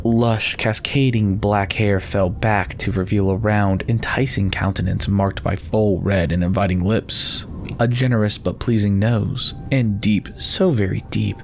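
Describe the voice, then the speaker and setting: Low-voiced man narrating dark fantasy. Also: fairly even intonation, unhurried, creaky, slight background noise. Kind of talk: dramatic scripted narration of fantasy novel.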